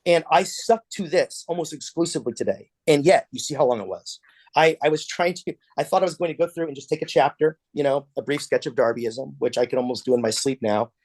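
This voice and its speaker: A man's voice: a little high, fairly quick, a little mellow, dry recording. Man teaching a class over a video call. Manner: conversational, with frequent restarts and repeated words.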